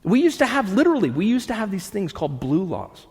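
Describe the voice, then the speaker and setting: In a church hall before an audience, a male pastor in his thirties preaches a sermon in a conversational way, with frequent restarts and asides. His husky, high-sitting voice moves fast with big pitch swings, veering from loud bursts to hushed lines. The large hall gives a long reverb.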